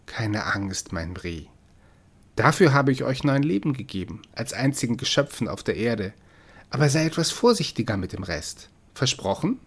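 A man voicing gentle, unyielding Death as a bird. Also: medium pitch, very animated, normal speed. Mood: firm. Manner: soft, kind but unyielding.

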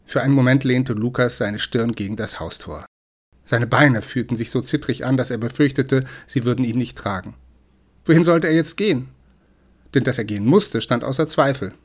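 Speaking at a medium pitch, a male narrator delivers an audiobook from a script. His reading is expressive but measured.

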